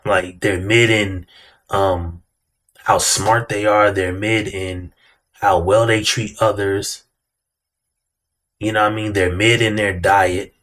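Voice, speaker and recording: Low-voiced man, blunt casual commentary. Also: fairly even intonation, slow pace, long pauses, fairly bright tone. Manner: blunt, repetitive emphasis. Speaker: reaction video host.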